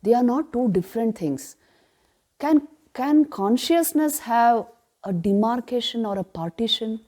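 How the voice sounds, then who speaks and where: A woman giving a spiritual retreat class on scripture, emphatic, asking rhetorical questions and answering them, and chanting verses slowly. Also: on the high side, lively intonation, a little mellow. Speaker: spiritual teacher.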